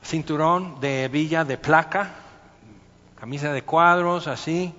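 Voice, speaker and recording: A man, a pastor preaching a sermon and telling stories with lively, acted-out voices. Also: a little high, unhurried. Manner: animated storytelling, acting out voices. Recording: muffled sound with long hall reverb.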